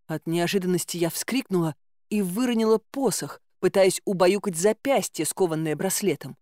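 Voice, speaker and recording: A woman narrating a first-person fairy-tale audiobook in a wry, expressive storytelling manner. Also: on the low side, no echo, clean studio sound.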